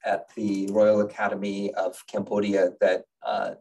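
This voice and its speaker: A middle-aged man giving a lecture over slides on a video call, in a measured, thoughtful way with frequent filler sounds. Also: on the low side, completely flat delivery, gravelly, darkish tone, husky, recorded from a distance, low-quality recording. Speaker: lecturer on Buddhist poetry.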